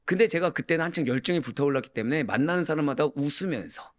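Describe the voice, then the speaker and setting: A middle-aged man preaching as a pastor. He keeps asking the congregation questions and answering them himself, moving from loud preaching to quiet, low asides. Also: expressive, very fast. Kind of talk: sermon.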